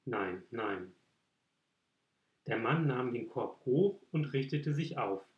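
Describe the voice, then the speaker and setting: A man reading a literary story aloud, calm and measured. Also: medium pitch, lo-fi sound. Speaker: narrator. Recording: roomy echo.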